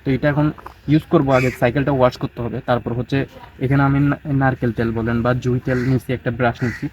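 A man's voice: medium pitch, flat delivery, fast, a little hiss or hum, rough recording. A man vlogging outdoors in a backyard by a pond, chatting casually and a bit tired from washing his bicycle. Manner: rambling, chatty, addresses viewers directly; speaking quietly so neighbours won't hear. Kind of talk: casual vlog chat.

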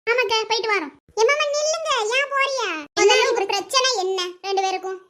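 A woman voices a whole cartoon family in a squabble. Her voice sits extremely high and shrill, and she fires off scolding lines at a quick clip. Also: lively intonation, heavy background noise. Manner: quarrelsome, scolding, rapid back-and-forth. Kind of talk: cartoon voice acting of a family quarrel.

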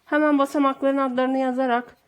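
A woman teacher with a somewhat high voice talks children through a math lesson. She explains one step at a time, patient and methodical, often asking a question and then answering it herself. It sounds like a voice-over for a screen lesson. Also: little pitch movement, a little fast.

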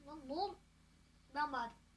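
A teenage girl giving casual, excitable gameplay commentary as a YouTuber, with loud outbursts and jokes. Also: high voice, normal speed, heavy background noise. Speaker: gaming YouTuber.

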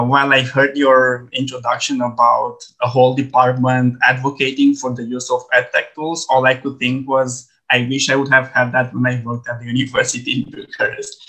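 Bright-voiced man leading a webinar. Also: medium pitch, moderate pace, poor audio. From Romania. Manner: friendly, relaxed presenter with frequent "uh" fillers. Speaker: edtech trainer. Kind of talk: online training webinar. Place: home office, video call.

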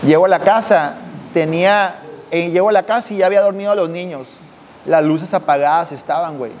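A man's voice: sits high, brisk, darkish tone, long reverb tail, slight background noise. A man hosting a podcast, telling a personal story in slangy, casual speech. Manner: slangy, drops "güey" constantly, acts out voices. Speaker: podcast host.

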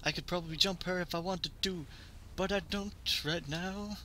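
A man giving live gameplay commentary, excitable and laughing often, getting loud when excited. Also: high voice, normal speed, a little hiss or hum. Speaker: gaming YouTuber.

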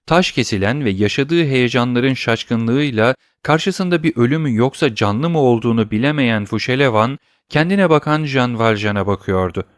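A man's voice: mid-range voice, dry recording. Man narrating an audiobook, dry sound. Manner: steady, measured reading.

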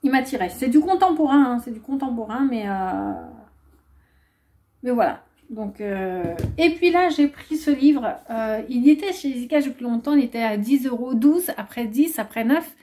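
A woman's voice: fairly high pitch, unhurried, dark tone. A young woman chatting casually through a book haul vlog, rambling with plenty of hesitations. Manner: chatty, rambling, many filler "euh"s. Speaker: booktuber.

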